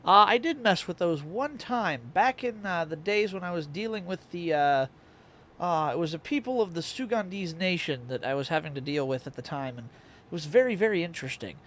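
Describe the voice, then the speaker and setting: A man's voice: a little high, expressive, moderate pace, a bit bright. A young man chatting casually on a live stream, playful and fond of toying with his voice, with the hiccups. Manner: playful, plays with his voice and octaves.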